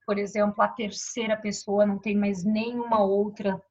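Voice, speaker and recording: A woman's voice: medium pitch, little pitch movement, normal speed, darkish tone. A woman teacher explaining verb grammar and pointing to examples on a board, often checking in with her students. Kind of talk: grammar lesson. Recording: dull lo-fi recording.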